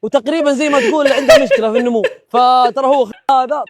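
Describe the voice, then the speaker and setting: A man's voice: extremely high pitch, animated, rapid-fire, no room sound. A man explaining something casually in short phrases.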